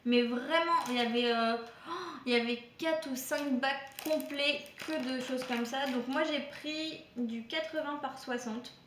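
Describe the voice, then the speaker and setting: A woman's voice: high-pitched, measured pace, a bit bright, echoey room, slight background noise. A woman vlogger casually reviewing products from a shopping haul, chatty and hesitant, with frequent fillers and restarts. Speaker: beauty vlogger.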